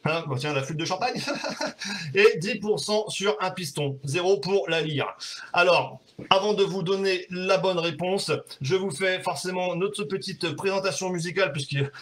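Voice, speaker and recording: A man hosts a casual home livestream, still out of breath and excitable after a stunt. His voice sits a little high, and he talks in quick, chatty bursts with the odd curse. He is picked up by a webcam mic in a room at home. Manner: breathless, excitable, swearing and laughing. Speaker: livestream host.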